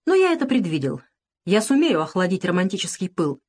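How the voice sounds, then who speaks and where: In an audiobook, a woman voices a domineering, mocking male plantation owner, giving him a harsh, commanding delivery. Her voice sits lowish and a little mellow, and she reads very animatedly at a fairly quick pace.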